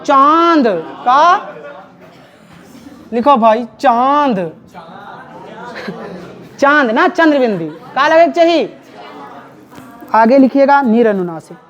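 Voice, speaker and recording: A woman teaches a classroom Hindi grammar lesson, her voice sitting high. She keeps firing questions at her students and repeating the answers back. A faint murmur of the class can be heard behind her. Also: expressive, takes it slowly, long pauses, a bit bright, highs cut off, some chatter behind. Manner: quizzing students, call-and-response, repetitive.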